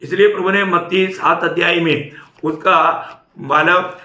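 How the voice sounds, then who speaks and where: Bright-voiced male preacher in echoey hall. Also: sits high, steady tone, unhurried. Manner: emphatic, with tag questions to the congregation. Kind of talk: sermon. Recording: echoey room.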